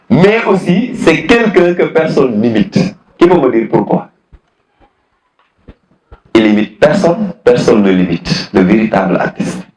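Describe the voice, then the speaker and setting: A man's voice: on the high side, a little mellow, roomy sound, rough recording. A man teaching a philosophy class, repeating key phrases, questioning students and switching between French and Wolof. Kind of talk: classroom lesson.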